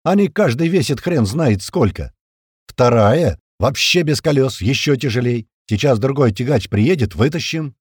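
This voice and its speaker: A man voicing a blunt male mechanic who speaks loudly and slowly, in an audiobook. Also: mid-range voice, expressive, breathy edge, dry recording, clean studio sound, pitched above the performer's own voice. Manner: loud, slow, blunt.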